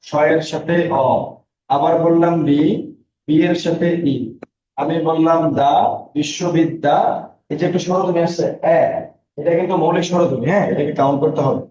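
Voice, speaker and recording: A man leads a class, reading out student names and asking the same question again and again until they get it. His voice sits fairly high but sounds mellow. He is far from a dull mic in an echoey room. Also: fairly even intonation, normal speed. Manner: drills students with repeated questions; reads out student names and answers. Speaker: Bangla teacher. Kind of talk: online class lecture.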